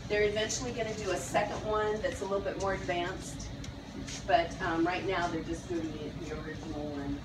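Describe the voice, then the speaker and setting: A woman's voice: lowish voice, steady tone, a little fast. Woman tour guide in an echoey, noisy space. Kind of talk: informal explanatory guided tour. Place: large indoor warehouse. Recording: echoey, noisy warehouse, distant microphone. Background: loud warehouse ambience.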